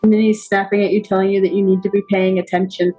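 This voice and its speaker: A woman acting as game master, narrating a tabletop game in a measured, descriptive way. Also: mid-range voice, flat delivery, mellow, soft background music, rough recording.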